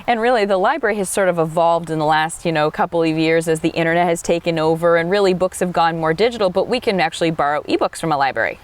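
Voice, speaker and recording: A woman's voice: fairly low pitch, fast, hardly any pauses. A woman hosting an interview, chatting conversationally in a personable way. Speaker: host interviewer.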